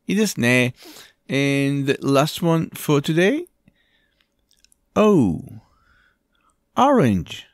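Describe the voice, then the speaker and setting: A man's voice: medium pitch, no echo, clean studio sound. A man teaching English to children, spelling words letter by letter and mixing English with Japanese in a patient way. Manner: switches between English and Japanese.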